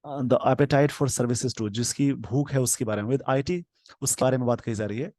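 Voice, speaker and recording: A teacher walks through an English newspaper editorial, reading the English slowly word by word and then explaining the vocabulary quickly. His voice is mid-range with a darkish tone, and the recording is dry.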